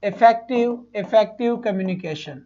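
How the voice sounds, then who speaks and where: A man's voice: high voice, a little slow, mellow, highs cut off. A male teacher giving an online exam-prep class, asking his own questions, answering them and repeating each point, and praising the students as his children.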